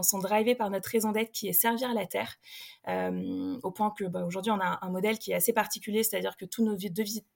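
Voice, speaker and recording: A woman's voice: mid-range voice, a little mellow. A young adult woman, a recruitment specialist, answering interview questions in a casual, hesitant way with many filler sounds.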